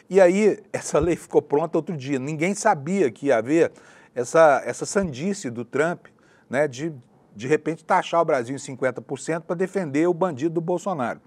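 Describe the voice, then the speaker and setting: A man's voice: on the high side, darkish tone. A man giving opinionated news commentary from a studio, indignant and sarcastic in a conversational way. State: hoarse after a long broadcast.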